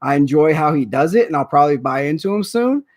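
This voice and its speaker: A man's voice: on the high side, expressive, quick pace. A man in his thirties hosting a sports card livestream, rambling and emotional in casual chat. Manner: rambling, emotional, repeats himself. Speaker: sports card breaker host.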